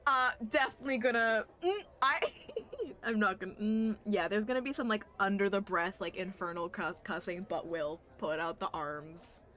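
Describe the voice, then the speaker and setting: A woman's voice: medium pitch, normal speed, bright, forceful tone. A woman playing a tabletop game, talking casually and describing her character's actions with many fillers. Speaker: player.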